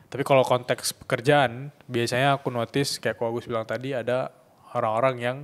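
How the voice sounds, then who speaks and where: A man's voice: medium pitch, little pitch movement, brisk. A young man in his twenties co-hosting a podcast, reflecting casually on his own experience. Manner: reflective, speaks from personal experience. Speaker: podcast co-host.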